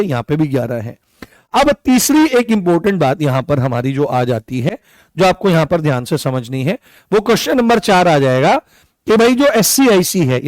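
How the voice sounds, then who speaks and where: A man with a high, hoarse voice teaches an online exam-prep class, coughing as he goes and often turning key points into questions for his students. He speaks into his own mic, and there's no room sound.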